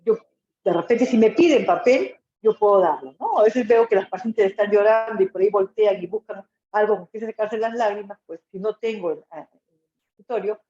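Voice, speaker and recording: A woman's voice: mid-range voice, warm tone. A woman psychologist with a Peruvian Spanish accent gives a lecture, often adding tag questions and acting out quoted voices. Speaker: psychologist giving a hospital talk. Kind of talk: lecture on empathy. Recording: echoey room, dull lo-fi sound.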